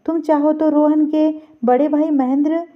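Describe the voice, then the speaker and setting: A soft, persuasive older mother-in-law from an audio story, coaxing and gentle, as a woman narrator reads her. The voice sits high. The recording is dull and lo-fi. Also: fairly even intonation, normal speed, close to an everyday voice.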